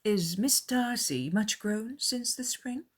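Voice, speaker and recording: A woman's voice: fairly high pitch, expressive, takes it slowly, breathy edge, pitched above the performer's own voice, heavily acted. A woman voicing a haughty, fawning young society lady in a dramatized period novel. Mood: gushing, superior.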